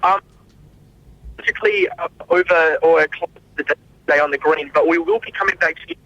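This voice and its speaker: A man's voice: fairly high pitch, steady tone, fairly quick, pushed and bright. A man in a casual phone interview, laid-back and rambling, his call breaking up and cutting out. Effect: breaking-up phone line cutting out. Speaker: touring band member interviewed by phone. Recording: dull lo-fi phone line.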